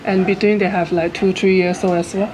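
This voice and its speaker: A woman's voice: mid-range voice, flat delivery, fairly quick, a little mellow. A woman in her thirties from Malaysia, telling her story in a casual, chatty way with phrasing. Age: 30s. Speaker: co-host. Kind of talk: casual chat. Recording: noisy background hiss.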